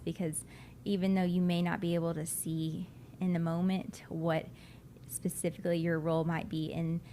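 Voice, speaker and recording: Female co-host, West Texas twang, slightly low register, conversational, some ambient noise behind her. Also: warm tone. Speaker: podcast co-host. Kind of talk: casual chat. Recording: clear background ambient noise.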